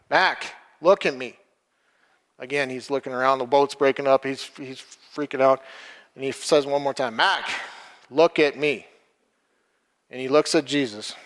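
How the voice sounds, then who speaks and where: A man giving an informal sermon, halting and repeating words as he retells a story. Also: medium pitch. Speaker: preacher. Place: church hall. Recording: long hall reverb.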